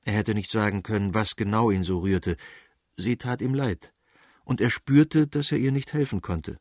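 A man narrating a classic novel aloud in a measured, even manner. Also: lowish voice, no echo, studio quality. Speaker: audiobook narrator. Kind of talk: scripted literary narration.

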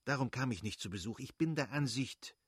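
Guy reading as an icy stiff official, measured and formal, storybook voice. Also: mid-range voice, lively intonation, breathy edge, no room sound, studio quality. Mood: cold formal. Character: cold, formal, stiff middle-aged official.

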